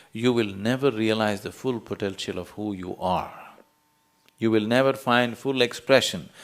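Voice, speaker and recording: Man, spiritual teacher, talk to an audience, emphatic, rhetorical questions, parables. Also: mid-range voice.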